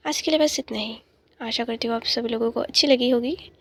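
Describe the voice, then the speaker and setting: A woman tells a story in a high, light voice. She speaks softly and casually, often stopping to repeat a word before going on. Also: a little fast. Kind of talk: storytelling narration.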